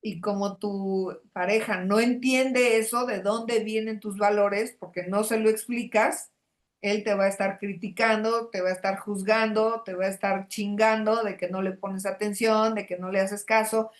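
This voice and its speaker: A woman guiding a therapy session, explaining things deliberately. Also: mid-range voice, steady tone.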